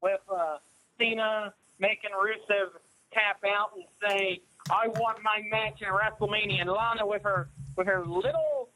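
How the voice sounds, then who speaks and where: A man in his twenties calling in to a live podcast, talking eagerly with halting restarts over a phone line. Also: high voice, steady tone, pushed and bright. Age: 20s. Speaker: caller.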